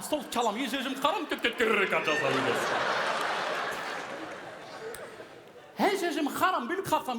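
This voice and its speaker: A man's voice: very high-pitched, voice pushed up. A man chanting mock-foreign nonsense lyrics in a playful sing-song voice, performed live on stage. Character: male singer chanting mock-foreign gibberish, exuberant. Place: live stage in a theater hall. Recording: echoey hall, clear background noise.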